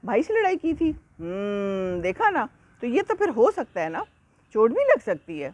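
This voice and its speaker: A woman telling a story to young children, animated and full of questions to her listeners, speaking outdoors under a tree. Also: a little high.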